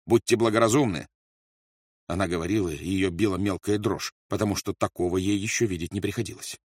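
Grave male narrator, low register, dry close recording. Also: steady tone, quick pace, no room sound. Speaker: audiobook narrator. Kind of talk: dramatic audiobook narration.

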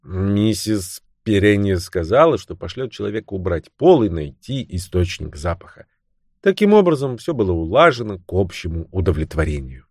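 A man reading a novel aloud as an audiobook narrator, expressive and voicing the characters' lines. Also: sits low, moderate pace, no echo, studio quality. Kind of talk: scripted narration.

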